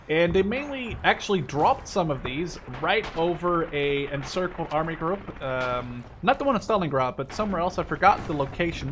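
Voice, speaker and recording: Rambling through gameplay, a twenty-something Dutch gaming host keeps correcting himself and swears in a relaxed way. His voice is fairly high and fairly bright, with a touch of hiss or hum on the recording.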